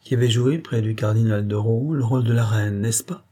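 A man's voice: fairly low pitch, brisk, mellow, lightly acted. A man voicing a chatty middle-aged apothecary who talks in an amused, gossipy way.

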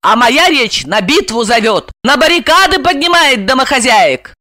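A woman voicing a fiery young housewife heroine in an audiobook, loud, sarcastic and high-pitched. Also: sing-song, moderate pace, dry recording, full character voice. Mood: indignant, mocking. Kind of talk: audiobook character voice.

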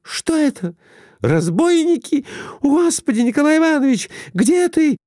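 A man's voice: very high voice, very animated, measured pace, darkish tone, no echo, clean studio sound, pitched above the performer's own voice, full character voice. A man voicing a frightened, hysterical middle-aged woman who shrieks and pleads through sobs. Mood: panicked, hysterical. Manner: shrieking, sobbing pleas.

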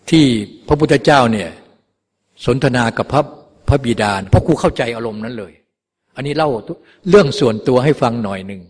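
Animated man giving a Buddhist dharma talk. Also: medium pitch. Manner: animated storytelling, rhetorical questions. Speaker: Buddhist teacher.

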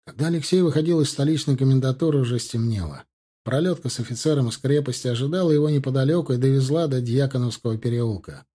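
A man reading a historical audiobook as narrator, in a measured, even way. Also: mid-range voice. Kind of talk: scripted narration.

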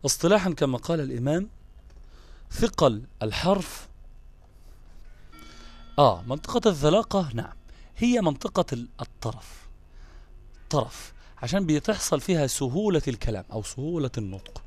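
A man's voice: on the high side, sing-song, normal speed, long pauses, a little mellow. A man with an Egyptian Arabic accent teaching Quran recitation in a live online lesson, explaining patiently, repeating terms and checking in with his listeners.

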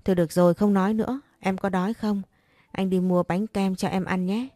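A woman's voice: mid-range voice, steady tone, brisk, mellow, no echo, clean studio sound, lightly acted. A woman voicing a caring but pushy young man who scolds and coaxes a crying friend. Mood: coaxing. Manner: scolding yet tender, coaxing. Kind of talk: audiobook character reading.

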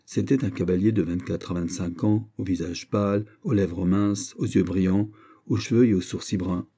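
Brief: male audiobook narrator, low, husky, very mellow tone, steady pace. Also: normal speed. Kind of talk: audiobook reading of a classic novel.

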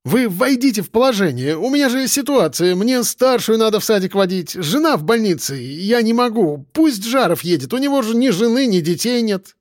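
A man's voice: on the high side, very animated, fairly quick, a little mellow, slightly rough, dry recording, clean studio sound. A man reading an audiobook voices a whiny young male office clerk who pleads to get out of a work trip. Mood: whining. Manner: whining, pleading.

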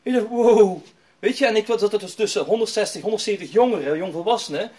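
Middle-aged man, emphatic preacher giving testimony, a touch high-voiced, chatty and repetitive. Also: fast, darkish tone. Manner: emphatic, repetitive, conversational with tag questions. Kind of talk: personal testimony sermon.

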